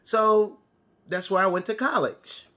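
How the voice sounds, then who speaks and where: A man's voice: high-pitched, a little slow, bright, forceful tone. An American man teaching young children, talking as if reading to a toddler, with simple questions and repeated phrases. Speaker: preschool and kindergarten teacher. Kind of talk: children's TV lesson, storytelling and counting.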